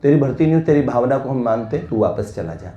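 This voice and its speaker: A man's voice: medium pitch, expressive, fast, highs cut off, lightly acted. A man voicing a strict but kind army major who turns a recruit away, in an echoey room. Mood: firm.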